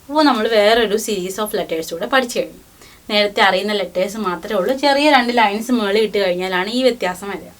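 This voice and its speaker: Patient woman teaching syllables slowly. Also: mid-range voice. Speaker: Japanese language teacher. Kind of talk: step-by-step lesson talk, reading out syllables.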